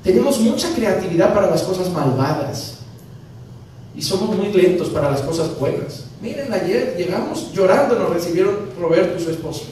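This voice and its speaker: High-voiced pastor in echoey church. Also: male voice, normal speed. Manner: animated, acting out dialogues with humor. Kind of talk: sermon. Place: church sanctuary. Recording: very echoey church from a distance, faint noise.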